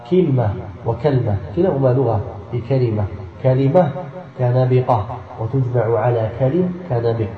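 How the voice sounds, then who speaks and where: Male sheikh from Algeria giving a classroom commentary: he reads a passage, then explains it deliberately. The recording is distant and roomy. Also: mid-range voice, highs cut off. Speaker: sheikh teaching Quran recitation rules.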